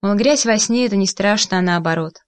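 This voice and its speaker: A blunt young woman telling a long story in a direct, matter-of-fact way, voiced by a woman reader. Her voice sits at a mid pitch in an audiobook. The sound is dry and close. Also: quick pace, dry recording, close to an everyday voice. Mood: recounting.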